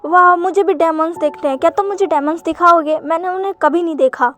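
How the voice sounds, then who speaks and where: A woman's voice: sits high, moderate pace, a bit bright. A woman voicing an eager, pleading young man. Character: excitable sheltered young man, curious and pleading.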